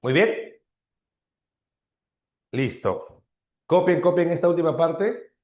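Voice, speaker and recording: A man teaches a grammar lesson at an unhurried, deliberate pace, repeating each term and tagging his points with quick checks. His voice sits at a middle pitch and carries the echo of a roomy space. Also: expressive, a little mellow. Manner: explains slowly, repeats terms, frequent "¿no?". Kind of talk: online grammar class.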